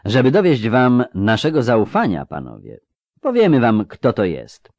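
A man's voice: medium pitch, huge pitch swings, a little slow, a little mellow, no room sound, muffled recording. A man reading an audiobook, voicing a male conspirator who persuades his fellow plotters. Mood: persuasive. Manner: persuasive, rousing.

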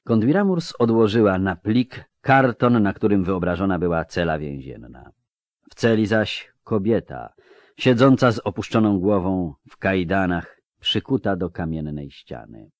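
Deep guy reading a fantasy audiobook, lively expressive delivery, close dry mic. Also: unhurried, dry recording. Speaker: audiobook narrator. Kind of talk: scripted narration.

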